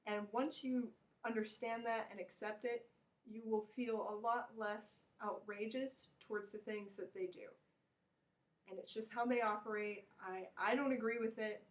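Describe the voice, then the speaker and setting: An American woman vlogger delivering a blunt, opinionated, rambling rant to camera, with frequent restarts. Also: rough recording. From United States. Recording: low-volume home recording.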